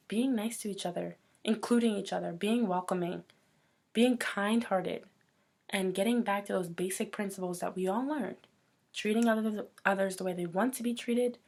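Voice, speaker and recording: A woman's voice: mid-range voice, creaky, a little mellow. Impassioned woman hosting her own show. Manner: earnest, impassioned rant with rallying calls. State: losing her voice. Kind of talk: personal talk show monologue.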